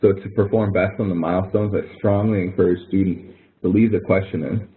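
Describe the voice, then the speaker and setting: Speaking fairly quickly in a low voice with fairly even intonation, a man teaches students in a casual online help webinar, his explanations rambling, hesitant and full of repeated words. The audio is narrow and tinny, typical of an online call.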